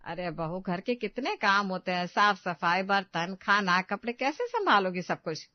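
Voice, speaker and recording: A caring but fussy middle-aged mother-in-law, coaxing and gently scolding, as a woman puts her on. Her voice rises and falls a lot. The sound is dry and dull, lo-fi. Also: medium pitch, animated, moderate pace, dry recording, lightly acted. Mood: fussing.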